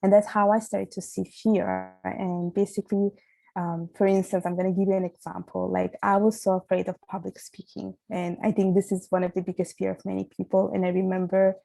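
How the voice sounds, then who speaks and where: A woman's voice: mid-range voice, brisk, creaky, dark tone, no echo, rough recording. A young woman with an Italian accent, a podcast guest talking earnestly in a casual interview and often restarting her sentences. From Italy.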